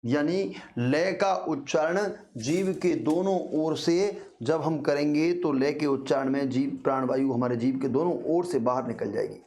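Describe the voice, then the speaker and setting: A male teacher giving an exam-prep grammar lesson, explaining slowly, repeating key words and sounding out syllables for his students. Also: on the high side, a little mellow. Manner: addresses students repeatedly, slow deliberate explanation with repetitions; sounds out syllables to demonstrate pronunciation.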